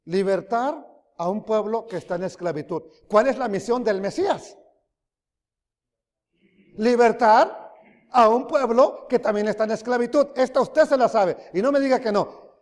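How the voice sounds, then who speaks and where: A man preaching a sermon, emphatic, swinging between loud rises and quiet drops, often asking his listeners questions. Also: extremely high pitch, normal speed, long pauses. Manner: emphatic, rising and dropping loudly, asks the audience questions. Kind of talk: sermon teaching. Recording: long hall reverb.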